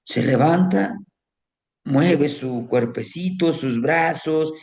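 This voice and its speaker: A man's voice: fairly high pitch, slow pace, a little mellow. A man telling a folk tale orally, rambling, with tag questions and lots of diminutives. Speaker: storyteller. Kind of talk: oral folk storytelling.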